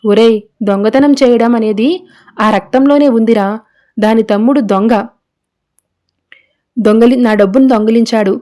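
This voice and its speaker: A woman's voice: on the high side, normal speed, pauses often, dark tone, close to an everyday voice. A woman reading as a harsh accusing mother-in-law. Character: scheming domineering middle-aged mother-in-law.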